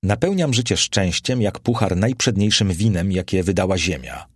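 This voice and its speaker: A man's voice: low-pitched, lively intonation, moderate pace, slightly rough, dry recording, clean studio sound. A man voicing a worldly, ironic Roman aristocrat who speaks in a languid, wry, philosophizing way.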